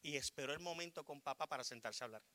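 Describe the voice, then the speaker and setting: A middle-aged man with a Puerto Rican accent preaching a sermon, shifting from loud declarations to quiet asides. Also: a little high, fast talker. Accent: Puerto Rican Spanish. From Puerto Rico. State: short of breath. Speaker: pastor.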